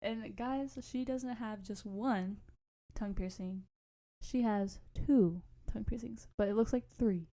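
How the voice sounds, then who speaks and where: A young adult woman co-hosts a podcast, telling stories in a casual, slangy, rambling way and often losing her thread. Her voice is mid-range with a dark tone, and she speaks unhurriedly.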